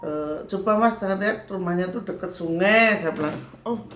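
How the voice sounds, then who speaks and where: A woman's voice: mid-range voice, moderate pace, fairly bright tone, a little hiss or hum. A woman from Central Java with a Javanese accent, a spiritual medium chatting to her viewers in a casual storytelling way, looping back with filler tags. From Sragen, Central Java, Indonesia. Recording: echoey room with faint background ambience.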